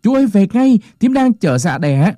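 A man voicing Cuội, a cheeky young prankster boy, shouting in a high, frantic voice in a folk-tale telling. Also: very animated, normal speed, no echo, clean studio sound. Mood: urgent.

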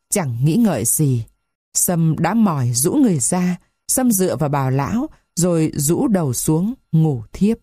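A woman narrating a story aloud in a slow, somber reading style. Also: on the low side, mellow, dry recording, clean studio sound.

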